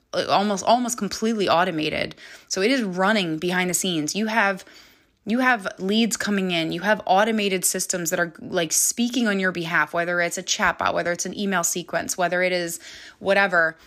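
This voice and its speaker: A woman's voice: fairly low pitch, normal speed, a bit bright. A woman hosting a podcast, telling a personal story in a candid, chatty way with frequent laughs and fillers. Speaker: podcast host.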